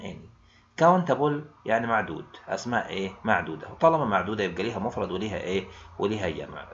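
In a dull, lo-fi recording, a man with an Egyptian Arabic accent runs an online English grammar lesson in which he keeps asking and then answering his own questions. He speaks in a lowish, slightly bright voice with vocal fry.

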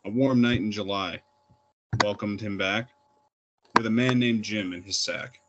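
A young man with a lowish voice reads his poems to a listening audience. He talks plainly and a little haltingly between pieces, then reads the verses straight through. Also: fairly even intonation, lo-fi sound, noisy background. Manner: plain unpolished delivery with fillers. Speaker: poet reading. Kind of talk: poetry reading.

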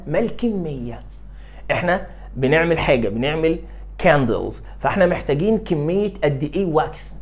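Male Egyptian-accented English tutor, animated sing-song delivery, patient word drills for young pupils. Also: high voice. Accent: Egyptian Arabic. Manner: drills words by repeating them slowly and encouraging pupils. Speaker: English teacher. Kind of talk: classroom lesson explanation.

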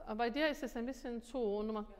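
Woman vocal coach, fairly high voice, animated and repetitive, tired, long reverb of a school room. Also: fast talker. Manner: animated, repeats words, mixes in English. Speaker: singing teacher. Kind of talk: masterclass coaching.

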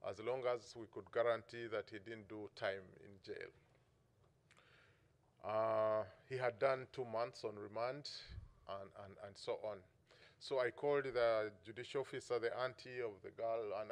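A middle-aged man with a Ugandan accent, speaking on a symposium panel as a prosecutions director and telling an anecdote from his office in a measured way, with many "uh" fillers and restarts. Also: lowish voice.

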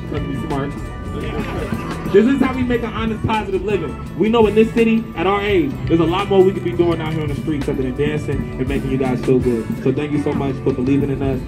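A man performing as a street show host, rallying the crowd with loud patter outdoors. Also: on the high side, fast, low-quality recording. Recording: loud music and crowd behind.

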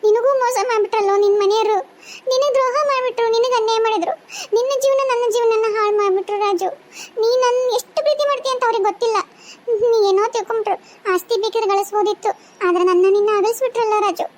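Woman voicing a wailing ghost wife, sky-high. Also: slight background noise. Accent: North Karnataka Kannada. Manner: very high, fast, pleading and wailing. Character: grieving young ghost wife, murdered, tearful. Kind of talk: cartoon voice acting.

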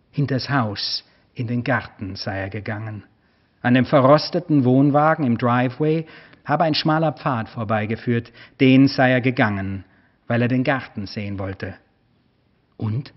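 Male author, literary reading, measured and expressive, mid pitch, dull lo-fi recording.

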